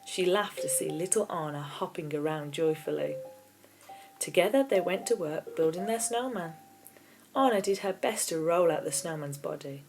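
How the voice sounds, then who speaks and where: With keyboard music in the background, a female audiobook reader narrates a children's novel in a storybook reading style. Her voice is deep and her pace moderate.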